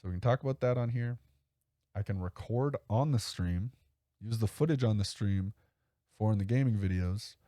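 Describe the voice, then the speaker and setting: A man's voice: on the low side, moderate pace, mellow, dry recording, clean studio sound. A man hosting his own podcast solo, talking casually in a rambling, self-correcting, enthusiastic way. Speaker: podcast host.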